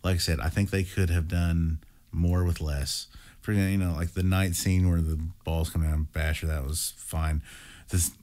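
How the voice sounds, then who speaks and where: A young man co-hosting a horror film review, measured and opinionated in a wry, casual chat. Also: low-pitched, fairly even intonation, a little mellow.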